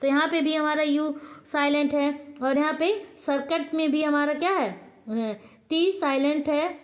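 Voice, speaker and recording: High-voiced woman teaching, quizzing herself. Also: measured pace. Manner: drills by asking and answering her own questions; frequent hesitations and self-corrections. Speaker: channel host. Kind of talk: explanatory online lesson.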